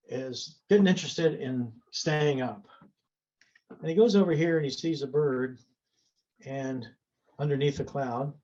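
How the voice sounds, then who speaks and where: Man, safety seminar instructor, folksy and emphatic, somewhat high voice, dull muffled recording. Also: dark tone. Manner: folksy, emphatic, with rhetorical asides. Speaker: soaring safety instructor and flight examiner. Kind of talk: seminar lecture drawing on a board. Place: indoor seminar room.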